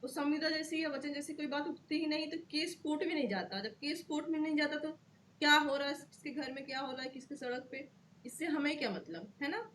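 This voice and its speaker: Higher-voiced woman teaching law. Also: fairly quick, fairly bright tone, slight background noise. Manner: checks in often with "okay", repeats key terms. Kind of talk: explanatory lecture to students.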